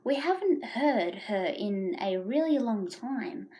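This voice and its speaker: Woman playing a little boy kangaroo, storybook, high voice, earnest, encouraging. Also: expressive, takes it slowly, warm tone, poor audio.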